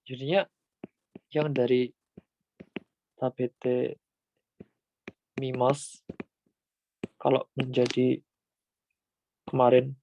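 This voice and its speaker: A man's voice: medium pitch, flat delivery, drawn-out words, vocal fry, pauses often, dull audio. A man giving a casual, chatty Japanese grammar lesson, full of fillers and asides to his students. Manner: chatty, informal, many fillers like "gitu". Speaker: Japanese language tutor.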